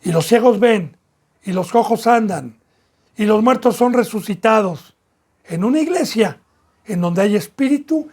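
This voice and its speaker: A man's voice: sits high, animated, a little slow, darkish tone, breathy edge. A man with a Mexican accent preaching a sermon as pastor, with emphatic, repetitive phrasing that rises in bursts.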